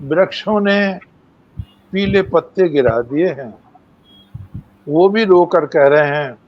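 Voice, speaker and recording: Older guy giving a religious talk, slow storyteller, kinda muffled lo-fi sound. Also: fairly high pitch, expressive. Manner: storytelling, acts out voices of sages and animals. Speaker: main speaker. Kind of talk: devotional lecture.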